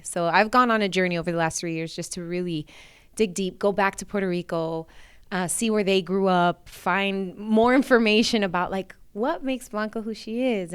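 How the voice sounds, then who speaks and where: A woman's voice: fairly low pitch, smooth, no echo. A woman from New York, a singer and interview guest, chatting casually and laughing often. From New York, USA.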